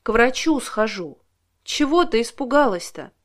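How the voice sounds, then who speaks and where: Woman doing a quiet weary guy, slow and gentle, a bit lower than her own. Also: big pitch swings. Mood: soothing apologetic. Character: young man, tired, gentle and apologetic.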